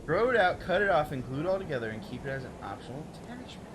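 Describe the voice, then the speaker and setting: A young man chatting casually through a game stream, rambling and excitable, exclaiming at the game as he plays at home. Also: on the high side, rapid-fire, noisy background. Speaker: let's play streamer. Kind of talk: casual gameplay commentary. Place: home room.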